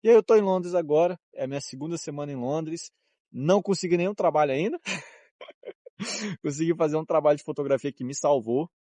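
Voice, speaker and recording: With a slightly high voice, a dark tone and lively intonation, a twenty-something Brazilian travel vlogger talks briskly outdoors in cold wind. His casual vlog is rambling, slangy and laid-back, with frequent laughter and tangents. No room sound is audible.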